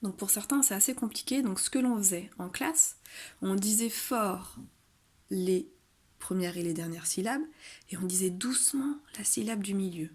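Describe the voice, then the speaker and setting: A woman teacher patiently explaining a phonics exercise to parents, saying example words loudly and slowly. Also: mid-range voice. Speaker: kindergarten teacher. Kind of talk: home-schooling video lesson for parents.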